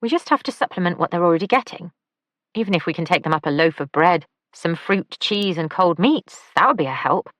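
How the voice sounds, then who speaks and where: A woman's voice: fairly low pitch, expressive, brisk, a bit bright, dry recording. A woman voicing a careful young female pastry chef with dry humour in an audiobook.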